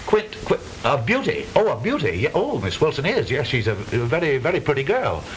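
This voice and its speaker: An actor playing a blustering, easily flustered middle-aged father in stagey 1920s comedy film style, halting and repeating himself. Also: fairly high pitch, huge pitch swings, rough recording. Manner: stagey old movie actor delivery, blustering, halting repetitions. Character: blustering, lonesome widowed father, flustered businessman. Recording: hissy 1920s film soundtrack.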